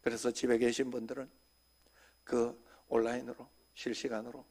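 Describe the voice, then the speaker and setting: A man preaching a sermon as senior pastor, talking conversationally and dropping suddenly to soft, quiet asides. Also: medium pitch, level tone, normal speed, breathy edge.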